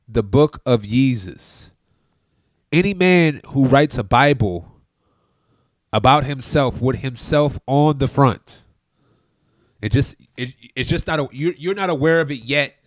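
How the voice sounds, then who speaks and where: A man's voice: medium pitch, a little slow, pauses often, dry recording, clean studio sound. A man co-hosting a casual podcast chat, preaching his views emphatically and telling listeners to look things up. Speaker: podcast co-host.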